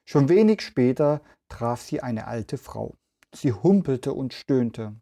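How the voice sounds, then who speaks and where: Slow, mellow storyteller man. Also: mid-range voice, animated, gravelly. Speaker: children's podcast host and storyteller. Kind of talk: storybook read-aloud.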